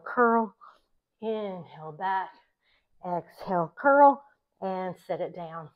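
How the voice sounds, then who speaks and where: A woman yoga instructor leading a class in calm, encouraging, short step-by-step cues timed to the breath. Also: medium pitch. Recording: dull, lo-fi sound.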